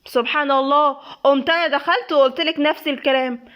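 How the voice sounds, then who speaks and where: A woman's voice: high voice, fairly even intonation, fast, highs cut off, natural voice. A woman with an Egyptian accent voicing a hot-tempered young husband who scolds bluntly and sarcastically. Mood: sarcastic.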